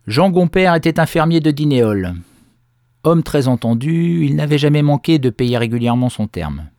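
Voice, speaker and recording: A man narrating a folk tale in a measured storytelling manner. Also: a little high, expressive, mellow, dry recording, studio quality.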